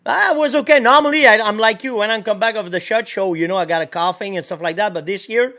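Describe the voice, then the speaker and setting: A man with a French accent, a native French speaker, talking as a podcast guest in an animated way, laughing often and searching for English words. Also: high voice, fast. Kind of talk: casual interview.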